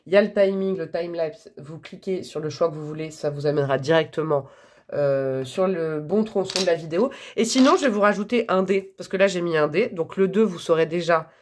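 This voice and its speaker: A woman's voice: on the low side, brisk, a little mellow. A woman reading tarot for her viewers in a chatty, casual way, with many fillers and frequent laughs. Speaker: tarot reader.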